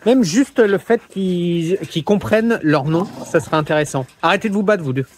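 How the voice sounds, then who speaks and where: A man's voice: sits high, normal speed, darkish tone, slight background noise. A young man who runs a dog boarding kennel, chatting playfully on a handheld phone outdoors and calling to the dogs. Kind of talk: casual vlog narration. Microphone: phone held in hand.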